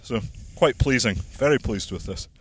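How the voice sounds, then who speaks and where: A man, a farmer explaining his land in a measured, practical way while walking outdoors and slightly out of breath. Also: medium pitch, animated, slight background noise. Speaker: farmer and landowner. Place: outdoors on a hillside plantation.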